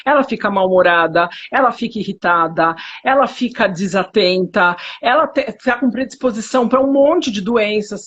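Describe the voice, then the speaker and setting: A female psychotherapist with a Brazilian Portuguese accent speaks emphatically in a conversational interview, firing off indignant rhetorical questions. Her voice is medium-pitched and slightly rough, captured in dull lo-fi audio.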